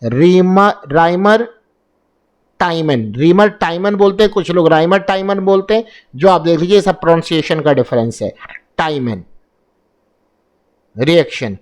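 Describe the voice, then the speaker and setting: Hindi-speaking man teaching chemistry, high voice. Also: expressive, a little slow, pauses often. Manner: asks and answers his own questions, repeating key terms. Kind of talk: exam-prep lesson explaining reactions.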